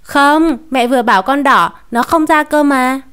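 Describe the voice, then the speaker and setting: A woman's voice: sits high, unhurried, a bit bright, pitched above the performer's own voice. A woman playing a whiny spoiled little boy. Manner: whiny and pleading. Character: small spoiled pampered young boy.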